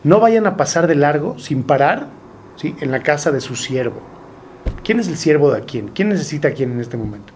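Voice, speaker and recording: A man's voice: a little high, animated, normal speed, darkish tone, a little hiss or hum. A man teaching a Torah study group, asking questions and translating Hebrew quotes. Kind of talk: informal study-group lesson.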